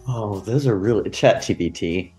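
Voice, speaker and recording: A man co-hosting a casual podcast, trading wry jokes with quick comebacks. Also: fairly low pitch, a little mellow, soft background music. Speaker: podcast co-host. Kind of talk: casual chat.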